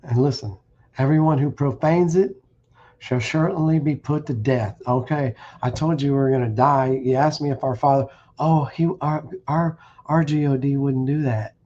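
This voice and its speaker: A man's voice: medium pitch, normal speed, dark tone, highs cut off. A man preaching bluntly on a stream, warning listeners and reading verses aloud with restarts. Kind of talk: streamed scripture teaching. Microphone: streaming setup.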